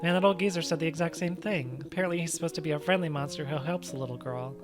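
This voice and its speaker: A player voicing a big-hearted monster man who talks casually and softly over game music. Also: mid-range voice, quick pace, close to an everyday voice. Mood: sheepish. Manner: casual, slangy, soft-spoken when sentimental. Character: gruff, tender monster man, big-hearted tough guy.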